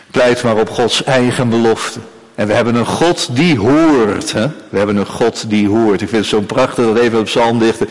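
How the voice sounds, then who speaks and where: Preacher in a reverberant church. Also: male voice, medium pitch. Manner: emphatic, frequent tag "hè" and repeated phrases. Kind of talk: sermon.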